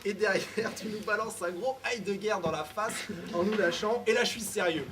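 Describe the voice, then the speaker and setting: A man's voice: sits high, moderate pace, background noise. A young man on a jury giving a sarcastic, mocking critique of a speaker. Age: young adult. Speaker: jury member. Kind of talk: comic critique of a speech. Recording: far mic, loud audience.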